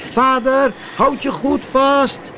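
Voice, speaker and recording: A man's voice: very high-pitched, fairly even intonation, slow pace, bright, forceful tone, slight background noise, voice pushed up, exaggerated voice. A sobbing wooden puppet boy. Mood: urgent calling. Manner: sobbing, pleading. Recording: music playing behind.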